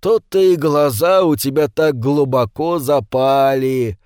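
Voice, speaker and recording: A man's voice: mid-range voice, a little slow, a little mellow, clean tone, no room sound, clean studio sound, lightly acted. A man voicing an eager middle-aged nephew who exclaims and frets.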